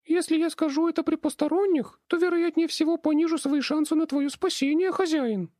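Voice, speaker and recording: A squeaky pleading imp girl, as a man puts her on. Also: steady tone, brisk, warm tone, no room sound, studio quality. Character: squeaky pleading female imp demon servant. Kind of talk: audiobook reading.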